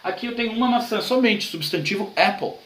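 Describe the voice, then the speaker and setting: A man's voice: sits high, fast, a bit bright, reverberant, rough recording. A man from Brazil teaching an online English grammar lesson, explaining patiently and repeating examples.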